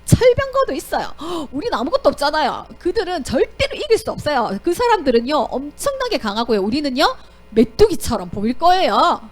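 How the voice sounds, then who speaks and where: Brief: high, breathless, alarmed spy, gasping and exaggerating, storybook telling, put on by a woman. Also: sing-song, brisk. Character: frightened adult male spy, breathless with alarm.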